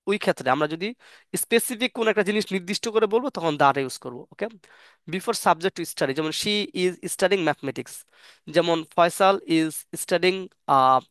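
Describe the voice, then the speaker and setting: A man teaches English grammar in a loose, thinking-aloud way. He reads example sentences slowly and then rushes through the explanations. His voice sits a little high, smooth and clear, in a dry, close recording. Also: fairly bright tone, dry recording. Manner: many fillers and restarts, thinks aloud. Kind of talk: casual grammar lesson.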